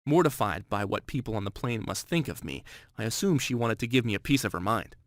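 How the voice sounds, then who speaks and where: A man's voice: lowish voice, lively intonation, a little fast, dry recording, studio quality. A man in his thirties telling a scripted first-person story with earnest, dramatic emphasis. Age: 30s. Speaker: sales narrator.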